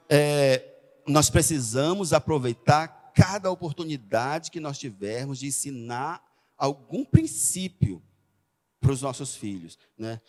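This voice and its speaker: A man's voice: medium pitch, a little mellow. A middle-aged man preaching a sermon, telling stories in a chatty way and often checking in with the congregation. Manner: conversational, frequent "né?" tag questions. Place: church sanctuary. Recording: long church hall reverb.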